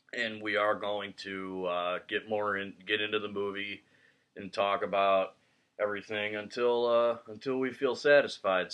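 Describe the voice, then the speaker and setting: A man's voice: fairly low pitch, fairly bright tone, clean tone. A man hosting a movie review channel, chatting casually and laughing easily, recorded on a laptop microphone.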